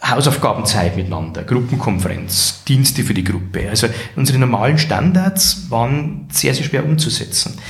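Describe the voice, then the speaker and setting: A middle-aged man with a Bavarian accent, managing director of a care home, tells anecdotes earnestly and reflectively as an interview guest. His mid-range voice is animated, at a moderate pace with few pauses, recorded in an echoey room.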